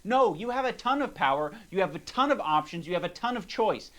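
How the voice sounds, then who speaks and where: A man's voice: high-pitched, lively intonation, fairly quick, fairly bright tone. A man doing video commentary in an emphatic, blunt way, swearing as he makes his points. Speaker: reaction commentator.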